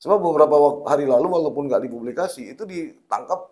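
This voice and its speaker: A man's voice: on the high side, expressive, fast talker, darkish tone. A man interviewing a guest in conversation, probing with questions and thinking aloud with fillers.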